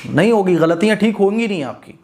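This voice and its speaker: A man's voice: high voice, expressive, a little mellow. Encouraging man teaching Quran reading. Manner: demonstrates recitation, drawing out words very slowly; encouraging, direct address to learners. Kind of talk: informal recitation lesson.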